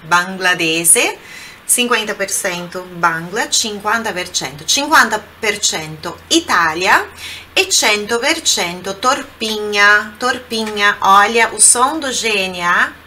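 A Brazilian woman teaching Italian pronunciation, slowly repeating words and coaxing the listener to say them aloud. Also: medium pitch, lively intonation, bright, forceful tone, a little hiss or hum. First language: Portuguese. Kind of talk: language lesson.

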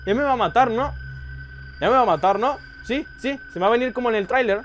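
A man giving excited horror gameplay commentary, jumpy, repeating words and crying out. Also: very high voice, fast talker, a little hiss or hum.

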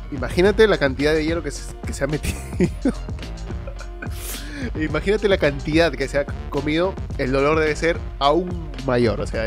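Animated young man reacting, higher-pitched voice. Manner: animated, amused, repeats phrases. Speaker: reaction video host. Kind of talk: casual reaction commentary. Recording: music behind the voice. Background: music and sound of the video he watches.

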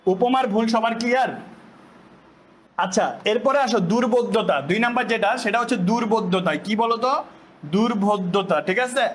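A man's voice: sits high, normal speed, slight background noise. A young man from Bangladesh, speaking as an online tutor, teasing his students and firing questions at them. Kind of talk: live online class lecture.

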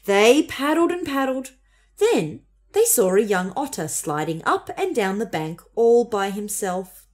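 A woman's voice: on the high side, sing-song, a little slow, darkish tone. A young woman narrating a children's story expressively as a storybook reader.

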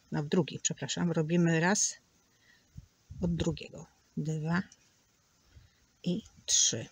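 A woman's voice: deep voice, breathy edge, no echo. A woman teaching a crochet tutorial, patiently counting stitches aloud and sometimes dropping to a near whisper. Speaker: crochet instructor.

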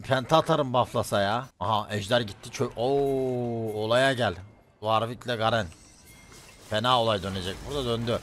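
Excitable young man yelling over a game. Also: mid-range voice. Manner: loud, excitable, swears a lot, yells at teammates. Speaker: streamer. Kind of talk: live gaming commentary.

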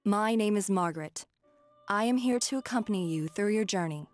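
A woman's voice: mid-range voice, brisk, faint music behind, lightly acted. Woman playing Margaret, composed game assistant. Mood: composed, formal. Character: composed, formal female assistant to a fortune teller. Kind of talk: scripted video game dialogue.

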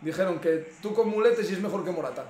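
Exasperated high-voiced Spanish streamer. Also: male voice, fast talker, darkish tone. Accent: Spain Spanish. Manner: exasperated, swearing at the screen. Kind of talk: live match reaction. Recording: echoey room.

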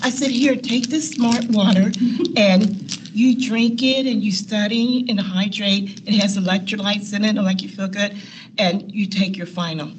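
Seated at a long table in a meeting room, a woman nurse educator recounts personal stories for a panel, laughing a lot and acting out quotes. She speaks in a mid-range voice at a moderate pace, with slight background noise.

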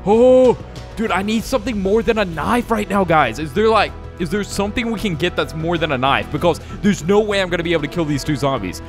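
Music backs a young man who hosts a gaming video in a voice that sits high, talking fairly quickly with lively intonation. His commentary is laid-back, jokey and slangy, with viewers called "guys" and "dude."

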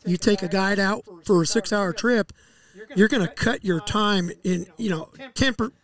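A middle-aged man, a fishing guide, explaining his methods in a relaxed, casual interview outdoors on a headset mic, with fillers and restarts. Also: high-pitched, normal speed. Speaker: walleye fishing guide, podcast guest. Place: outdoor deck by a lake.

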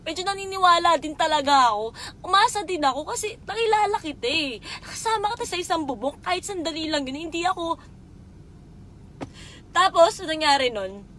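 A woman's voice: extremely high pitch, lively intonation, brisk, a bit bright, slight background noise. A young woman pouring out a raw, emotional live confession, swearing often and sometimes close to tears.

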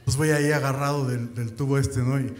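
A young Mexican man telling crude, deadpan stand-up jokes full of slang. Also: medium pitch, fairly quick. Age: young adult. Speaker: stand-up comedian. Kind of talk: stand-up comedy set. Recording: echoey club with crowd noise.

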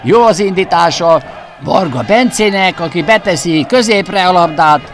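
A man commentates football highlights. His delivery is excited sports commentary, following each pass and lifting sharply when a chance comes. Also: faint music behind. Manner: excited, rising into shouts at chances. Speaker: football commentator for the visiting team.

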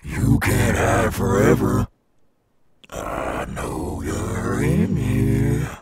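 A man playing a cool, swaggering animatronic alligator rockstar in an ASMR roleplay, gravelly and coaxing, as if talking to a child. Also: deep voice, huge pitch swings, loud music behind the voice, exaggerated voice. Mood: coaxing, searching. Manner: slow, coaxing, addressing a child listener. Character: cool, swaggering male animatronic alligator rockstar guarding his golf course.

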